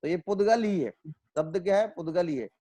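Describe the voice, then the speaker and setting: A man's voice: high-pitched, animated, fairly quick, dark tone. A man giving a religious lecture on scripture, asking rhetorical questions and then answering them himself, often restating his points. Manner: repeats and restates phrases as he reasons aloud. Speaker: Jain scholar lecturing on scripture.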